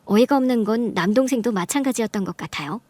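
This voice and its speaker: A woman's voice: on the high side, fast talker, a little mellow, no echo, natural voice. A woman playing a betrayed wife who narrates her story, fierce and accusing in a radio drama. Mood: calm narration. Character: furious betrayed young wife, sharp-tongued.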